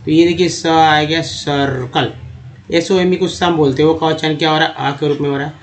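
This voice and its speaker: A man teaching English reading in Hindi, asking questions and answering them himself, slowing down to sound out words and vowels. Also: on the high side, fairly even intonation. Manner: explains step by step, asks and answers his own questions. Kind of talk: spoken lesson on reading English.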